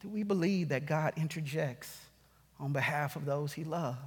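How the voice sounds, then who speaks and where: A man's voice: a little high, moderate pace, husky, in a large hall. A man preaching an earnest sermon as pastor, rising to urgent calls.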